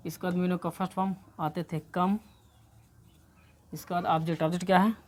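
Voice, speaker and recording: A woman's voice: on the low side, little pitch movement, a little fast. Woman teaching English grammar step by step. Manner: explains step by step, repeats and checks understanding. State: coming down with a cold. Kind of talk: grammar lesson.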